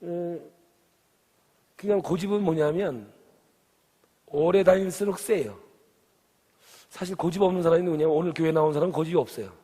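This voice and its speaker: A man's voice: a little high, moderate pace, pauses often, mellow, slightly rough. A man from the Gyeongsang region of Korea with its accent, preaching a sermon and putting questions to the congregation. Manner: asks the congregation questions and urges them to answer. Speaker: pastor. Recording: long hall reverb.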